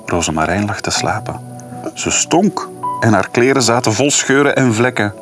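A man reading a children's story aloud to his daughter in a lively, expressive way. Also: lowish voice, normal speed, soft background music.

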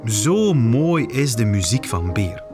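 A man reading a picture book aloud to children, expressive with playful asides. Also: medium pitch, slow pace, music in the background. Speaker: storyteller.

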